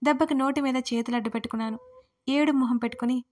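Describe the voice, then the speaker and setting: Brief: woman storyteller, fairly high voice, lively first-person romance narration. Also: fast. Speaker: storyteller and author.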